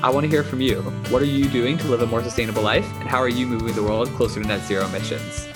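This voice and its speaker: A man hosting a podcast, asking friendly, halting questions and reading a closing outro. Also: mid-range voice. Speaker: podcast host. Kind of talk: interview and scripted outro.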